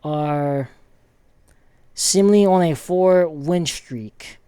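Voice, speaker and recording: A man casually rambling through football commentary with many pauses and restarts. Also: a little high, dark tone, clean tone, no room sound, clean studio sound. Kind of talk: casual sports commentary vlog.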